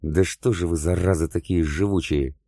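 A man reading the part of a furious, spiteful middle-aged stepmother in an audiobook, with a slow, venomous delivery. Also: low voice, fairly even intonation, warm tone, no room sound, studio quality.

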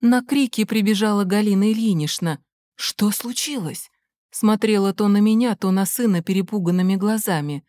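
A woman narrating a story in the first person in a measured, unhurried reading. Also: mid-range voice, mellow, no echo, clean studio sound. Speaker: audiobook narrator.

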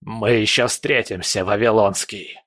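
A man's voice: on the low side, steady tone, slow pace, pushed and bright, dry recording, clean studio sound, full character voice. A man voicing an old male villain, a shadow sorcerer who snarls and hisses his lines. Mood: vengeful. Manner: hissing, snarling.

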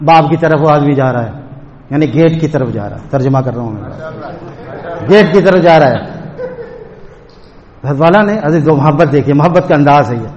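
A man's voice: a little high, expressive, pauses often, a little mellow, dull audio. A man leads a religious gathering. He tells stories and acts out the voices of the people in them. His voice rings with the long reverb of a large mosque hall. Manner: storytelling with acted quotes and a sung couplet. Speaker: religious teacher. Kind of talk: sermon.

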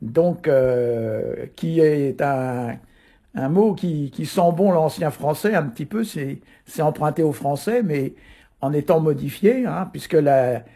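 A man from Brittany explains words on radio, pausing often on fillers as he thinks aloud. His voice is mellow and somewhat husky, pitched a little higher than most men's. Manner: hesitant, filler-heavy, explanatory. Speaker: Breton language guest teacher.

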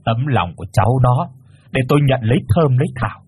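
A man's voice: mid-range voice, animated, fast talker, darkish tone, slightly rough. A man voicing a hearty, coaxing older father who loves his liquor. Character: jovial older father, fond of drink.

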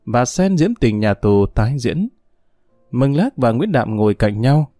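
A man narrating an audiobook in an expressive storytelling voice. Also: mid-range voice, unhurried, no room sound, studio quality, faint music behind.

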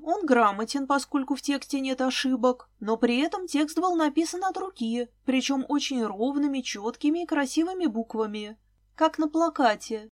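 A woman narrating a first-person detective story in an even, measured way. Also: high voice, no echo. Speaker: audiobook narrator.

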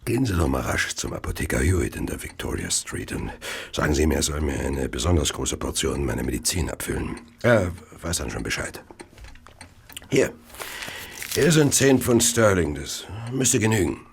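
A man playing a gloating, well-to-do Victorian serial killer in a radio play, speaking in a slow, savouring, theatrical way with a gravelly, husky voice. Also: a bass voice, big pitch swings, a little hiss or hum, exaggerated voice. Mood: irritated, imperious. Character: gloating, arsenic-addicted Victorian serial killer, wealthy gentleman. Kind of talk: German radio play monologue and narration.

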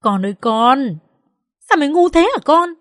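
A woman's voice: mid-range voice, expressive, normal speed, no echo, clean studio sound, lightly acted. A woman voicing a furious, abusive older mother-in-law who shrieks insults. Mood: enraged.

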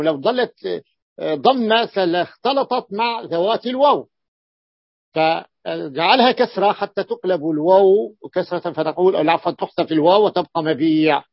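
A man's voice: fairly high pitch, no room sound. Levantine man lecturing, dry lo-fi sound. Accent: Levantine Arabic. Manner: repeats words slowly to stress them. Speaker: sheikh teaching grammar. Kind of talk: classroom lecture. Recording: dull lo-fi recording.

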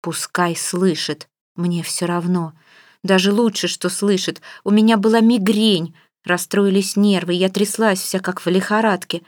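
A woman's voice: mid-range voice, steady tone, measured pace, no room sound, studio quality, lightly acted. A woman reading an audiobook, voicing a capricious young bride who is sulky, tearful and sarcastic. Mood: defiant. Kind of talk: audiobook character voice.

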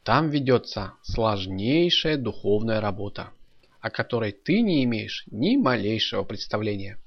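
A wise older woman gently admonishes in a measured voice, read by a male narrator. The tone is husky with lively pitch. The sound is muffled and lo-fi. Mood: stern. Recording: dull lo-fi audio.

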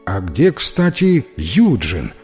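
A man's voice: lowish voice, wildly swooping pitch, takes it slowly, a little mellow, soft background music, exaggerated voice. A man voicing a whiny, theatrical red-haired schoolboy in a children's storybook. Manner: complaining, theatrical sighs. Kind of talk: storybook character voice.

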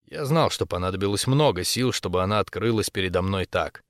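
A man narrating a first-person romance novel as an audiobook, in a steady, intimate storytelling voice. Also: deep voice, brisk, no echo, clean studio sound.

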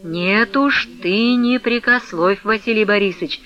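A man voicing an earnest village headman gently urging a younger man, in a radio reading. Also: high-pitched, measured pace, highs cut off. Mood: coaxing. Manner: earnest, coaxing. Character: persuasive village headman, soothing older man.

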